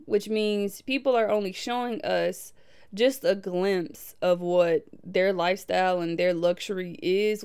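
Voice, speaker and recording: Woman, twenties, from Milwaukee, smooth clear voice, casual podcast chat, animated. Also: medium pitch. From Milwaukee, USA. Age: 20s. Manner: animated, laughs often, playful asides. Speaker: podcast host. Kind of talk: casual reflective podcast talk.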